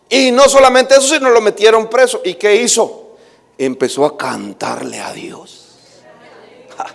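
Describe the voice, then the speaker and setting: A male pastor, preaching a sermon that swings between loud calls and soft asides. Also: sits high, creaky. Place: church hall. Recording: livestream with long hall reverb.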